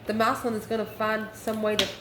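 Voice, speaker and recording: Fast and a little high, this woman's voice keeps a level tone. She's improvising an online tarot reading with a folksy, colloquial, sassy flair, and the audio carries a roomy echo with faint noise behind it.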